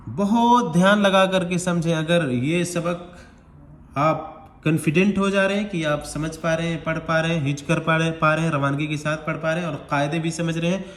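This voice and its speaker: A man's voice: a little high, echoey room. A man teaching Quran recitation step by step, explaining each rule patiently and stretching out the words he recites. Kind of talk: slow step-by-step recitation lesson.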